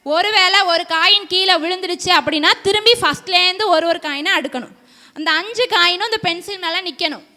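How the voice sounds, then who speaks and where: Woman organizer, sharp high voice, walks kids through game rules and keeps asking if they follow, echoey church hall. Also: a little fast. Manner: repeats steps and checks for understanding. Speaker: children's event organizer. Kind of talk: explaining game rules to schoolchildren.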